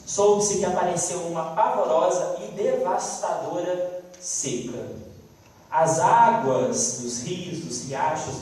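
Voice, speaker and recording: A man giving a spiritist lecture, telling a story in an expressive, emphatic way. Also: fairly high pitch. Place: lecture hall. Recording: echoey hall from far off.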